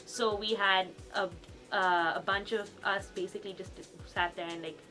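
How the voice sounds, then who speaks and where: A woman's voice: mid-range voice, steady tone, bright, forceful tone, soft background music. A young woman from Pakistan, a student talking chattily in a documentary interview. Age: young adult. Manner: fast, chatty, restarts mid-sentence.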